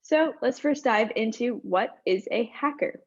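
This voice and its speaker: With a fairly high, animated voice, a conference speaker talks at an unhurried pace through an upbeat webinar, chatting and adding conversational asides despite allergy strain. No room sound comes through, but the highs are cut off.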